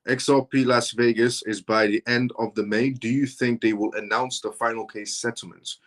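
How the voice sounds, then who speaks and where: His voice is medium-pitched and fairly bright. He's a man in his thirties hosting a live stream, voicing viewer comments aloud and replying with emphatic, insistent repetition.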